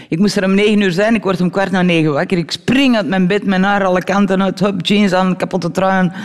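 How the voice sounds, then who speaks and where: A Flemish woman, a guest actress in a radio interview, telling animated anecdotes and acting out the voices of people in them. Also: lowish voice, big-room sound. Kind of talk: lively storytelling in a radio interview.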